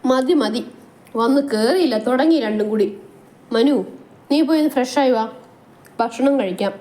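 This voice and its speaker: A woman's voice: sits high, normal speed, warm tone, lightly acted. Woman voicing a fussing fond mother.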